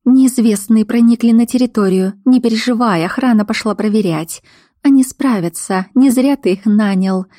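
A woman voicing a vicious, spiteful young henchwoman who sneers and snaps in a shrill, furious voice. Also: moderate pace, dark tone, dry recording, clean studio sound, lightly acted. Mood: reassuring. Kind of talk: audiobook character voice.

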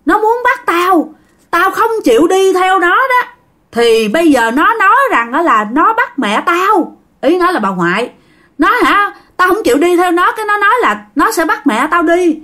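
A woman voicing a frantic middle-aged man who holds a knife and shouts threats at an unseen spirit. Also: big pitch swings, moderate pace, full character voice. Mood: agitated. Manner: shrill, shouting, repetitive threats.

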